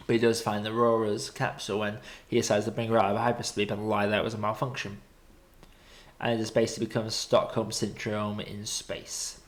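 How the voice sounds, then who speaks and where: A British man giving casual film review commentary as a streaming host, blunt and opinionated in colloquial language. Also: fairly low pitch.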